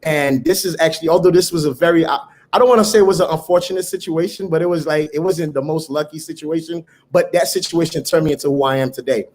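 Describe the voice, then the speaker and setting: A middle-aged startup founder from Haiti tells his story as a guest in a conversational interview, speaking fast in a slightly high, a little mellow voice. He comes across as earnest and motivational, with occasional repeated words.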